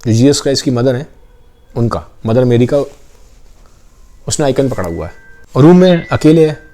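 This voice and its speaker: A man's voice: mid-range voice, animated, moderate pace, warm tone. A man, casually retelling a story and switching between Hindi and English. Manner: conversational, mixes Hindi with English phrases, acts out quoted lines.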